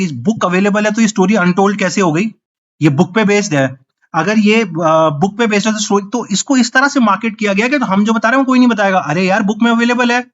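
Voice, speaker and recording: A high-pitched man rants his way through a casual film review, sounding fed up and slipping English phrases into his sentences. The sound is dull and lo-fi. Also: fairly bright tone. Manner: frustrated, ranting, mixes English phrases in.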